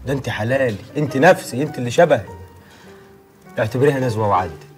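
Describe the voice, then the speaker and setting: A man's voice: mid-range voice, animated, fast, faint music behind, lightly acted. An actor playing an Egyptian husband who sweet-talks his wife in a coaxing way. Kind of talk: comedic film acting.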